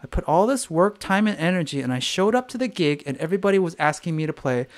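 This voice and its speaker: A singer-songwriter and native English speaker chats on a live stream in a high-pitched, animated, fast voice. He's candid, swears freely, and acts out other people's voices.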